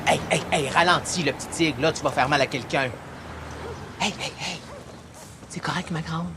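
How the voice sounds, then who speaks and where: A man's voice: on the high side, a little fast, background noise, natural voice. An actor with a Quebec French accent playing a boisterous, protective, teasing French-Canadian man in a film scene. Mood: startled, soothing. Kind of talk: film dialogue.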